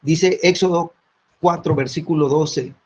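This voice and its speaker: A man's voice: fairly high pitch, fairly even intonation, a little slow, a little mellow. A man preaching a sermon, dropping tag questions after nearly every phrase and repeating words as he restarts. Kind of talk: sermon teaching. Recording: dull lo-fi recording.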